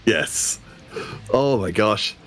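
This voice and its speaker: A man doing live esports commentary, lively, acting out players' thoughts in quoted asides. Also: on the low side, very slow, soft background music. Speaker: esports caster.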